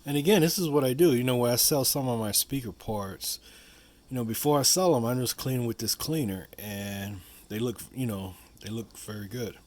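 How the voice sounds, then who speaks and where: Speaking at medium pitch and normal speed, slightly mellow, a man shows how a product works in a relaxed demo. He keeps rambling, repeating points and tossing in "you know" asides.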